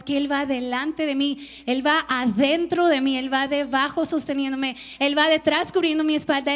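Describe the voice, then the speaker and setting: A woman pastor preaches at a conference, her high voice carrying a lively personal story. She acts out the quoted voices and moves from gentle, hushed moments into stronger emphasis. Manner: animated storytelling, laughing, acting out quotes. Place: conference stage.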